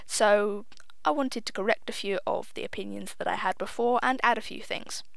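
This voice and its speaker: A young woman hosting a gaming video offers casual, chatty commentary in a creaky, medium-pitched voice at normal speed, with no echo. She's self-deprecating, swears offhandedly, and admits she sounds a little nervous.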